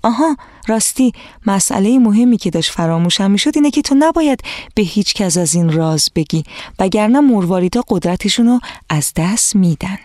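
A gentle, patient old woman who once taught school, as a storyteller puts her on in a children's storybook. She speaks softly, now and then nearly in a whisper, in plain middle tones. The sound is dry and close, with no room around it. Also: mid-range voice, animated, no echo, natural voice. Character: kind old woman, retired teacher.

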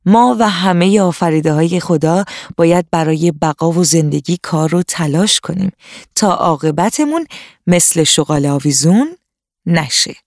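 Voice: medium pitch, no room sound, clean studio sound. A storyteller narrating a scripted children's story for a radio program, addressing the young listeners.

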